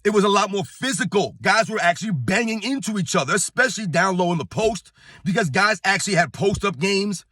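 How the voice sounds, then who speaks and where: On a beach vacation, a middle-aged sports channel host rants to camera in a casual talking-head clip, his voice hoarse and worn but high, tense and bright. He's animated and brisk, emphatic and repetitive, repeatedly calling his viewers "guys" while hammering home his point. The recording is close and dry.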